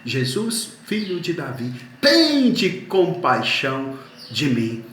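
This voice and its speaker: A man's voice: on the high side, wildly swooping pitch, slow, slight background noise, pitched above the performer's own voice, exaggerated voice. A preacher acting out a blind beggar man crying out. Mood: pleading. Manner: shouting pleas, drawn out. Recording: echoey room.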